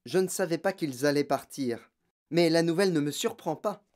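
Narrator voicing a gentle, kind schoolteacher woman. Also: low-pitched, normal speed, lightly acted. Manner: soft, calm, gentle. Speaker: teacher. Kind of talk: audiobook character voice.

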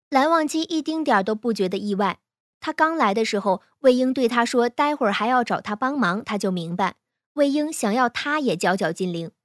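A woman reading fan fiction aloud in a smooth, even storytelling manner. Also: a little high, dry recording, studio quality.

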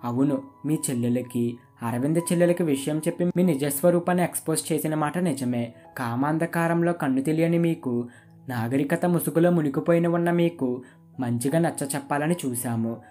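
A young wife standing her ground, as a narrator reads her part, firm and accusing in a storybook tale. Soft guitar music plays faintly under her words. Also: mid-range voice, lightly acted.

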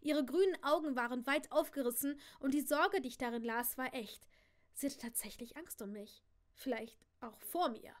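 High-voiced woman reading a novel aloud. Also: normal speed. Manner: stumbles often and corrects herself. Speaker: audiobook reader. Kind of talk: live audiobook reading.

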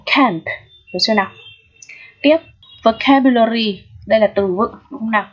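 Her voice is husky and medium-pitched, and she talks very fast: a Vietnamese-accented teacher patiently going through a middle-school English exam one step at a time. She frequently checks in to make sure the class follows, and the recording is dull lo-fi audio.

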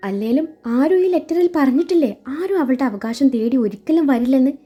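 A woman's voice: high voice, expressive, brisk, dark tone. Woman voicing a fiercely protective adoptive mother. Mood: defiant. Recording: dull lo-fi with faint music.

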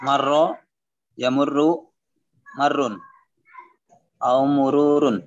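A male student reads out word forms one by one in a slow, measured way, then gives the meaning. The call audio is dry and dull. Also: mid-range voice, fairly even intonation, no echo. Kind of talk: reciting vocabulary in class. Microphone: video call.

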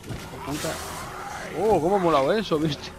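A young man from Spain with a Spanish accent, casually commentating his gameplay, swearing often and breaking into excited exclamations. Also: a little high, moderate pace, noisy background. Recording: game music behind voice.

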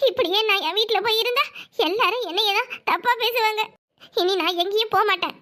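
A woman's voice: very high voice, fairly quick, sharp tone. A woman voicing a stubborn, tearful young village woman in a cartoon, pleading and insisting she will not leave. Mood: insistent. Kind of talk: cartoon voice acting.

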